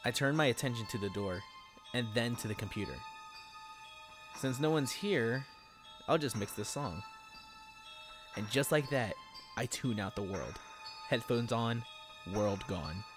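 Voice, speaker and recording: A man's voice: medium pitch, lively intonation, unhurried, pauses often, music in the background. Dry, sarcastic male horror narrator. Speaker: creepypasta narrator. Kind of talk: scripted horror story narration.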